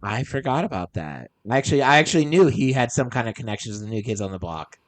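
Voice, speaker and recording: A man's voice: medium pitch, sing-song, quick pace, dry recording. Man musing aloud as podcast host. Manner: meandering, thinks aloud with restarts. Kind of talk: casual podcast chat.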